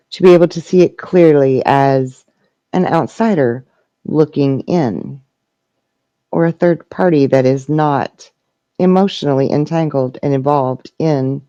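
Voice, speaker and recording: A man speaking as a seance medium in trance, voicing a benevolent collective spirit guide with formal, halting phrasing. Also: medium pitch, mellow, no room sound. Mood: measured. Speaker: trance channeler answering questions. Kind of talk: trance channeling question and answer session.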